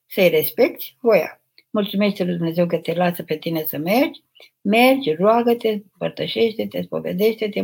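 An older woman, an abbess, reading out viewers' questions and answering them in a gentle, motherly, unhurried way during a live spiritual question session. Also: mid-range voice, vocal fry, husky. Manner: gentle, motherly, unhurried, addresses listeners tenderly. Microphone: live stream microphone.

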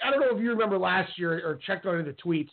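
A man's voice: high voice, expressive, fast, creaky. A man co-hosting a wrestling podcast, ranting in heated casual talk. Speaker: podcast co-host. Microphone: call-in radio line. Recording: tinny phone-line audio.

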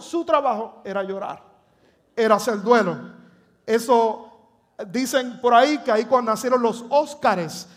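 A Puerto Rican man preaching a sermon to his congregation, telling the story dramatically and joking with the church. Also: very high voice. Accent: Puerto Rican Spanish. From Puerto Rico. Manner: dramatic storytelling, acts out scripture and jokes with the congregation. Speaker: pastor. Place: church sanctuary.

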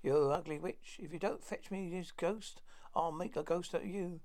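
A man voicing a greedy, reckless young man, demanding and halting, in a dramatic storybook reading. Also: fairly high pitch, darkish tone, natural voice.

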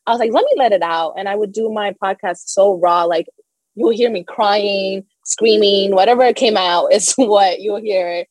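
A woman's voice: mid-range voice, measured pace, a little mellow, no echo, low-quality recording. A young adult woman telling her personal story as an interview guest, open and emotional, with a nervous laugh now and then.

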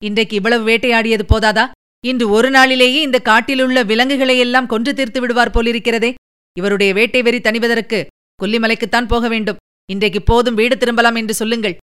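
A woman's voice: a little high, fairly even intonation, a bit bright, clear, resonant tone, lightly acted. A woman reading aloud voices a fearful young nobleman who hurries through anxious, pleading warnings. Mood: weary. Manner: urgent, rapid warnings.

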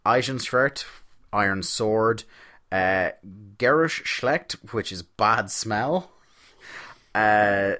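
Low-voiced guy cohosting a podcast, laughs a lot, lots of ums. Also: very slow, pauses often, bright, forceful tone. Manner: chatty, laughs often, trails off with fillers. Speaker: podcast co-host. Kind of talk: casual podcast chat.

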